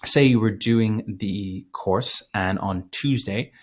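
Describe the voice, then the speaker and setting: A man presenting a live webinar, talking casually with many fillers and restarts, his voice a little hoarse. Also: fairly low pitch, takes it slowly. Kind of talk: live webinar sales pitch.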